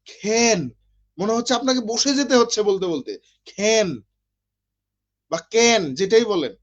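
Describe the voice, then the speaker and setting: A man's voice: high voice, expressive, a little slow, highs cut off. A man from Bangladesh teaching an online literature class, explaining step by step and often checking with his students.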